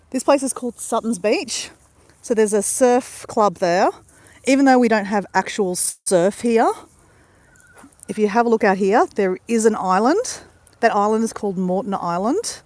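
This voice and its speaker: A woman's voice: a little high, darkish tone, no room sound. A woman with an Australian accent, chatting in a bubbly, rambling way to viewers of her live stream, recorded outdoors on a beach at sunrise on a handheld phone. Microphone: handheld phone camera.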